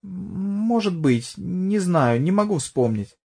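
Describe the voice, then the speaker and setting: A man's voice: high voice, animated, slow pace, vocal fry, dark tone, slightly rough, voice pushed up, heavily acted. A man voicing a defensive young woman. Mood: evasive. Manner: evasive, hesitant, bursts out angrily.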